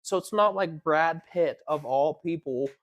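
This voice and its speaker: A podcast co-host chatting casually, rambling through long tangents. The voice sits at a middle pitch and jumps into quick put-on voices when quoting people. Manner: rambling, animated storytelling with quoted voices. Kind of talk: casual chat.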